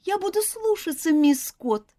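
A woman's voice: very high voice, lively intonation, a little slow, dark tone, pitched above the performer's own voice. Woman doing Elizabeth, a whiny spoiled girl. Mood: pleading. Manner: whiny and pleading. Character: spoiled willful little girl.

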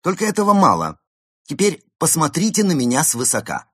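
A man voices a greedy, sunny panda who runs a junk shop in a storybook. The voice sits high and swings all over, grabbing at every sale with theatrical glee. A husky grain runs under the brightness, close and dry. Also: brisk, no room sound, full character voice. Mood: coaxing, insistent. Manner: lively, wheedling, theatrical. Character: cheerful greedy male panda shopkeeper.

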